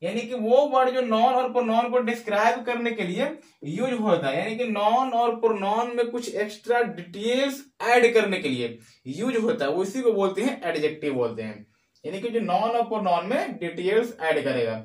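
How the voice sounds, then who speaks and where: A man teaching English grammar in Hindi, repeating key phrases slowly and answering his own questions. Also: sits high, lively intonation. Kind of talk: classroom-style grammar lesson in Hindi. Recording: echoey room.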